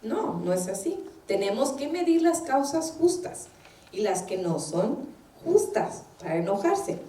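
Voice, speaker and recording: A woman's voice: on the high side, sing-song, measured pace, warm tone. Woman preaching in an echoey room. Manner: anecdotal, acts out quoted voices. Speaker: minister preaching. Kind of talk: sermon. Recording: echoey room, distant mic.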